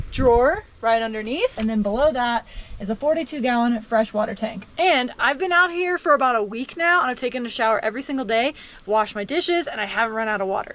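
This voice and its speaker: A woman's voice: on the high side, fairly bright tone. A woman vlogger giving a casual walkthrough tour, speaking to camera from inside a small camper van.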